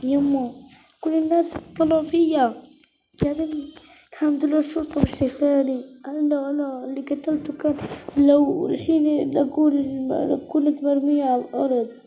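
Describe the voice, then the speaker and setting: A woman tells a first-person story, playing its frightened heroine. Her voice is high and mellow, and her delivery is frantic and panicky. The recording is slightly dull, with a faint hiss. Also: flat delivery, a little fast.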